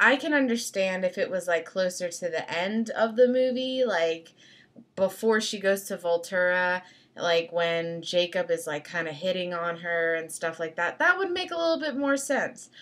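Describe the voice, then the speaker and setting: A young adult woman chatting casually as a video blogger, giving opinions in a slangy, emphatic, animated way with exasperated emphasis. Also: lowish voice, measured pace. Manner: animated, acts out mock quotes. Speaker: video blogger reviewing film clips. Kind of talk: casual opinionated vlog chat.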